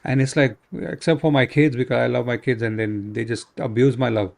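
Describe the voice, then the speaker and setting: A man's voice: mid-range voice, fairly even intonation, a little fast, creaky. A man ministering in prayer, fervent and exhorting, often tagging his sentences with "right?".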